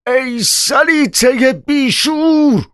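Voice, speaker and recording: Guy doing a panicky building manager, shouting high and shrill, dry close audiobook sound. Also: dry recording. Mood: panicked. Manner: frantic shouting. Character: panicky middle-aged male building manager.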